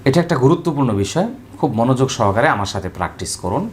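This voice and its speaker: A man teaching Quran recitation with a Bangladeshi Bengali accent, drilling Arabic letters slowly and repeating each sound with care. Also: medium pitch, sing-song, a little hiss or hum. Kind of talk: slow, careful pronunciation lesson.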